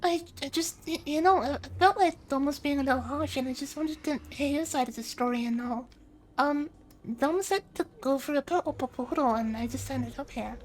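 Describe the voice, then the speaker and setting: A woman's voice: sits high, moderate pace, slight background noise. A woman streamer doing in-character game roleplay, hesitant and stuttering at the start of her sentences.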